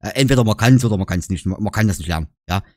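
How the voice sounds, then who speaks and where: A man's voice: lowish voice, very fast, darkish tone, no echo, studio quality. A man with a Saxon German accent chatting casually in a vlog, joking around and explaining dialect words with frequent "ne?" tags. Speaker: YouTuber.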